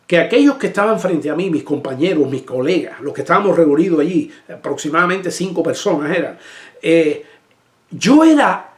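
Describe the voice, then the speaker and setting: A man's voice: high voice, roomy sound. A middle-aged male pastor preaching a sermon, telling a personal story with emotion and many restarts.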